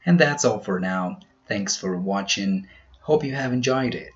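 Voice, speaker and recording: A man teaching pronunciation in a scripted quiz, slowly over-articulating each example word. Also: fairly low pitch, animated, dull audio, faint music behind. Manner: slow, careful, over-articulated delivery of example words.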